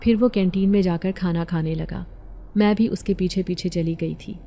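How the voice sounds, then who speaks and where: Mellow-voiced woman narrating a story. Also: on the low side, creaky, slight background noise. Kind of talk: first-person story narration.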